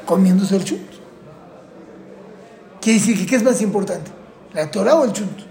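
A man's voice: high voice, moderate pace, creaky. Older man teaching in an echoey room. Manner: animated, teasing, acts out scenes. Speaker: religious teacher. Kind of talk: lively instructional talk to parents.

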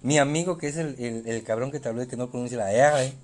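A Mexican man from Yucatán in a casual podcast chat, blunt and crude, often pausing on fillers. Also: medium pitch, darkish tone. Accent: Mexican Spanish. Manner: blunt, swears, hesitant with fillers. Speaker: podcast co-host.

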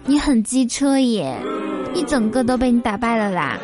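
A woman plays a cutesy, whiny speaker with an exaggerated Taiwanese Mandarin accent. The voice is fairly high and stretches its words into trailing particles, as in a comedy skit, with music playing behind it. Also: very animated, a crowd in the background. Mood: mock whiny. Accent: Taiwanese Mandarin, put on. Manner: slow drawn-out intonation with trailing particles.

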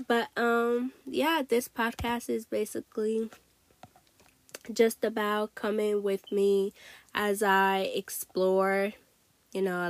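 A woman's voice: medium pitch, no echo. Young woman from Togo, dry close sound. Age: late teens. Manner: informal, hesitant, peppered with "you know" and "like". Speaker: podcast host. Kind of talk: casual rambling solo podcast chat.

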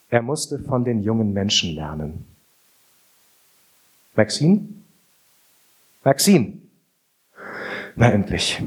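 A man narrating an audiobook in a calm, expressive reading. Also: on the low side, breathy edge. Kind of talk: scripted narration.

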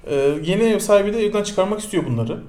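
A man's voice: high voice, big pitch swings, rapid-fire, darkish tone, echoey room. A young man talking casually as a podcast co-host, chatty and teasing, ready to argue his point. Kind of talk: casual chat.

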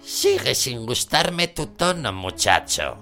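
A male narrator voicing a loud, bossy middle-aged aunt who bellows and scolds in a harsh, scornful way in an audiobook. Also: wildly swooping pitch, normal speed, gravelly, faint music behind, exaggerated voice. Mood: harsh lecturing. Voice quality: booming, bellowing. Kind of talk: audiobook character voice.

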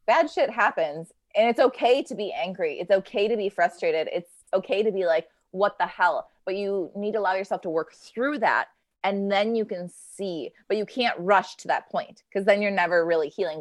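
A woman's voice: on the low side, no room sound. Earnest woman guest, dry close sound. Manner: earnest, reflective, many fillers. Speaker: podcast guest, healing coach. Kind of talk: casual podcast chat.

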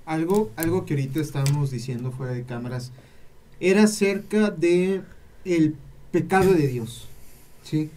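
A woman interviewer with a lowish pitch and a warm, dark tone. She gives short agreeing replies and asks curious follow-up questions. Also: moderate pace.

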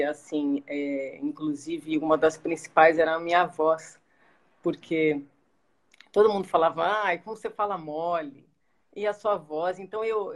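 A woman answering as a guest in a live interview over a video call, soft-spoken and hesitant with many restarts. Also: deep voice.

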